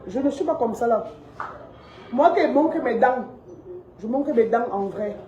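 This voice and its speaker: A woman, raising her voice a little higher than most as she fires off a confrontational rant at her followers, hammering the same points again and again. Her tone stays mellow and warm even while she scolds. She films inside her shop on a phone, so the room rings with echo and a faint ambience hums behind her. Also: a little slow, muffled recording. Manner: emphatic, repetitive, confrontational, talks straight to her audience. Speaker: shop owner addressing followers. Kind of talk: heated social media rant.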